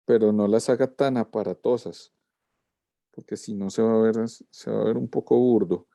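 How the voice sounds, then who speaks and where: Man giving a calm lettering critique. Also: fairly low pitch, normal speed, vocal fry, no room sound, studio quality. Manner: talks through corrections step by step, informal. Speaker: lettering teacher. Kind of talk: class critique of student work.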